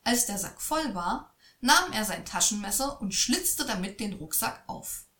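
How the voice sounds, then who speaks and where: In an echoey room, a woman with a mid-range voice reads a fairy tale aloud, slow and expressive like a storyteller.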